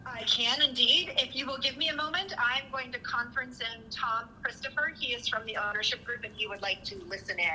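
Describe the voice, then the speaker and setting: A woman's voice: fairly high pitch, brisk, hardly any pauses, pushed and bright, slight background noise, low-quality recording. A woman, a project manager, speaking politely and formally over a speakerphone line into a hearing. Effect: heard over a speakerphone line. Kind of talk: phone call in a formal hearing.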